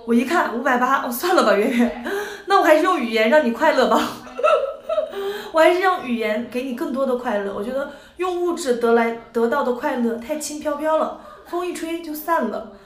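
A young woman in her twenties, a member of an idol group, telling a story to her audience in a lively, giggly way and doing playful voices for the people she quotes. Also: sits high, moderate pace, echoey room. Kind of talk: casual storytelling to a livestream audience.

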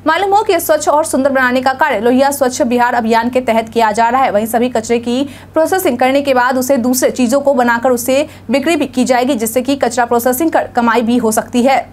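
A young woman reads the evening headlines from a studio news desk. Her voice sits high, and her delivery stays formal and even, in the measured manner of a newsreader. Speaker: news anchor. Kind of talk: read news bulletin. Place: studio news set, indoors.

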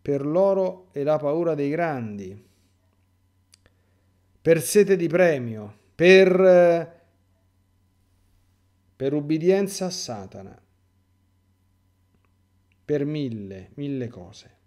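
A priest voicing a weeping, frightened young apostle. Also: male voice, fairly high pitch, lively intonation, drawn-out words, pauses often, darkish tone. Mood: fearful, weeping. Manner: tearful, pleading, raised and urgent. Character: the apostle John, a young man weeping with fear and grief. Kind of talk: dramatic reading aloud.

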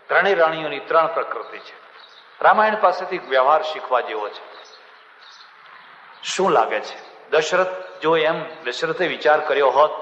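A man gives a sermon in a fairly high voice. He spins stories and acts out their people, now and then with a chuckle. The sound is muffled, with a long echo ringing through a big hall. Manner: storytelling, acts out characters in the story, chuckling asides. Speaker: swami giving a religious discourse.

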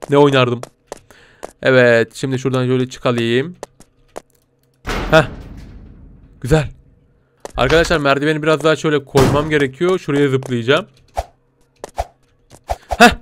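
A man giving playful, excitable let's-play commentary, chatting to his viewers and yelping at every surprise. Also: mid-range voice, moderate pace, long pauses, slight background noise. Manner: excitable, yelps and squeals at surprises, talks to viewers as "kitties". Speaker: gaming channel host.

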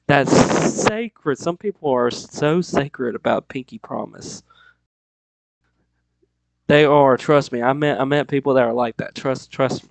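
A man's voice: medium pitch, gravelly, rough recording. A man preaching a casual sermon, chatty and joking, with pop-culture asides and frequent laughs.

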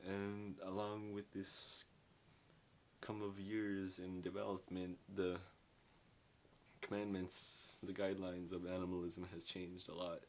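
A man's voice: low-pitched, a little hiss or hum. A young man giving a casual spoken book review, rambling in slang with lots of filler words, filmed in a small dim bedroom.

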